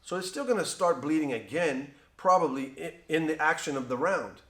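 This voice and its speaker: A man's voice: on the high side, moderate pace, reverberant. A man, a boxing cutman and trainer, telling stories in an interview and acting out quoted exchanges. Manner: animated, acts out quoted exchanges. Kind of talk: conversational interview storytelling.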